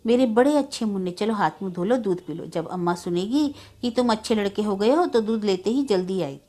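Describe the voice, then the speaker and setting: A woman voicing a gentle young uncle who soothes and coaxes a child. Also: medium pitch, fairly quick, close to an everyday voice. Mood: coaxing. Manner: soothing, coaxing. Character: gentle young man, the boy's kind uncle.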